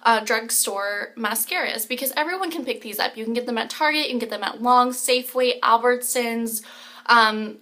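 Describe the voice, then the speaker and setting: Bright chatty young woman. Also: fairly high pitch. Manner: chatty, rambling, many fillers. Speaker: beauty vlogger. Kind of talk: casual chat. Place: home kitchen.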